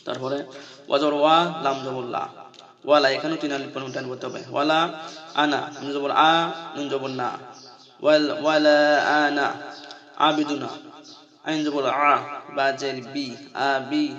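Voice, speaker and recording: A man teaching scripture reading, spelling out each syllable slowly and then chanting the verses in a high, drawn-out melody. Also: dull audio. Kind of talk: spelling-out recitation lesson.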